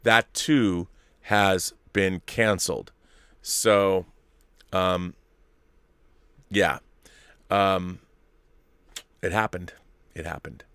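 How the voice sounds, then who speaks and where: Speaking very slowly and pausing often, the middle-aged live-stream host reads super chats and rambles through his opinions, restarting himself again and again. His voice is deep, steady, smooth, and fairly bright, in a dry recording.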